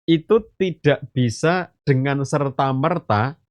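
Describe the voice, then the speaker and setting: A man's voice: medium pitch, takes it slowly, no room sound. A man, an Islamic teacher on a podcast, giving a parenting talk and explaining through homely stories and analogies, addressing listeners as fathers and mothers and often saying "gitu" and "eh". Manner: addresses listeners as ayah bunda; frequent filler gitu and eh. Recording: dry, slightly muffled.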